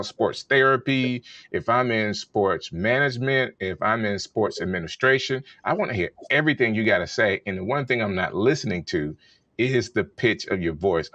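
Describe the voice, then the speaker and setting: A man hosting a casual video-call chat, giving measured advice on audio. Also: lowish voice, fairly bright tone, dry recording. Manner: measured, advising tone.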